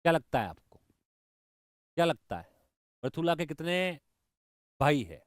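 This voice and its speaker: Enthusiastic male reasoning teacher, crisp voice. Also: on the high side, big pitch swings, measured pace, dry recording, clean studio sound. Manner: enthusiastic, talks to students directly, mixes in English terms. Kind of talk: online exam-prep lecture.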